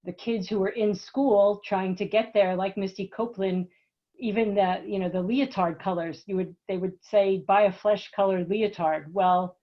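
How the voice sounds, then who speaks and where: A woman's voice: medium pitch, steady tone, moderate pace. A woman taking part in a book discussion over a video call, talking thoughtfully with conversational fillers. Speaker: participant. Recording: muffled video call audio.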